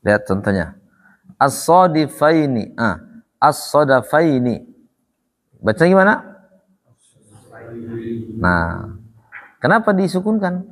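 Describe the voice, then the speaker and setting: A man teaching Quran recitation rules, drilling his students with repeated questions in a slow, patient way. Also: medium pitch, wildly swooping pitch, a bit bright. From Indonesia. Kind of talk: tajwid lesson. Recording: echoey hall reverb.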